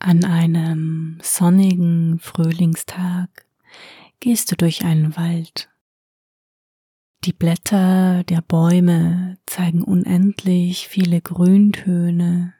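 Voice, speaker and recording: Very slow, hushed female sleep story narrator. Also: fairly low pitch, flat delivery, no echo, clean studio sound. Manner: soothing, unhurried, breathy soft delivery with long pauses.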